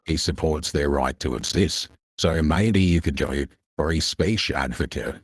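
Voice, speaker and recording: A man talking through a deep pitch-shifting voice changer on a call, posing as a lawyer in a pompous, threatening way and repeating himself. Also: measured pace, a crowd in the background. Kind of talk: call on a voice chat.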